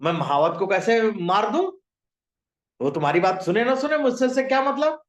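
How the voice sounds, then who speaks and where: A man's voice: high-pitched, lively intonation, normal speed. A big storybook elephant, voiced by a man, brushes off a request bluntly. His manner is plain and dismissive. The telling carries a roomy echo. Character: big elephant, gruff then pleading. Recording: echoey room.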